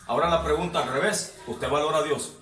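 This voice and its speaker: A man preaching a sermon to his congregation, exhorting and asking them questions, his voice rising to shouts. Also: on the high side, fast talker. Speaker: pastor. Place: church hall. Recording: echoey hall, mic far off.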